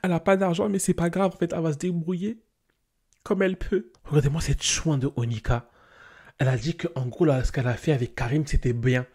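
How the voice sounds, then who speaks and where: Casting: young male gaming YouTuber, mellow warm tone, lively and scolding. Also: a little high, a little fast, slightly rough. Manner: animated, scolding his game characters with slang. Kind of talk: casual game commentary.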